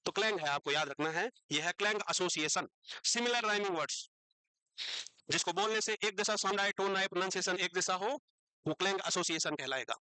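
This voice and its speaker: Male teacher, high bright voice and a dry sound, lecturing a class with a teasing call-and-response habit. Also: fairly quick, no echo, poor audio. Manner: teasing, asks the class questions and repeats answers.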